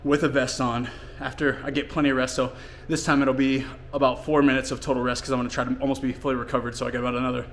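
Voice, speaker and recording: Casual male fitness coach vlogging, winded, middle pitch. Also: little pitch movement, fast talker, few pauses, fairly bright tone, a little hiss or hum. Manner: explains training plainly between efforts, with fillers. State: out of breath. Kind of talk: casual workout vlog talk. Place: home gym and outdoors in winter.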